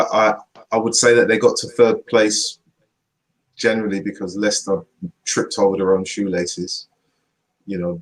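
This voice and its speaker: Emphatic low-voiced man ranting about football. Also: poor audio. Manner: emphatic, repeats points slowly for effect. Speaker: football pundit. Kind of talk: opinionated casual chat. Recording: online video chat, voice only.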